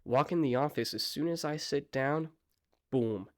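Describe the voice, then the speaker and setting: A man's voice: fairly high pitch, a little slow, a little mellow, no echo, studio quality. A young man telling a casual storytime vlog in a slangy, laid-back way with apologetic asides. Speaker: vlogger.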